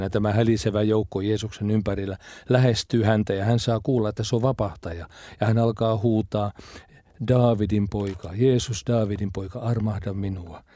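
Man, preacher, sermon, low warm voice, measured and reflective, dry close sound. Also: dry recording. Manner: reflective, measured preaching, drops to soft near-whispers for emphasis.

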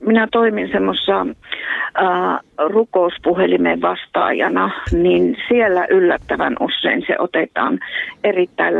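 A woman's voice: on the low side, gravelly, dry recording. A woman with a Savo Finnish accent, a guest in a radio interview, talking earnestly and laughing often. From Savo, Finland. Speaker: guest, evangelist and prayer line volunteer. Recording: tinny phone line, dry.

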